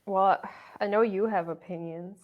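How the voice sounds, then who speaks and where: A woman's voice: mid-range voice, steady tone, normal speed. A woman co-hosting a casual book podcast, hesitant and full of restarts and fillers. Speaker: podcast co-host. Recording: dull lo-fi audio.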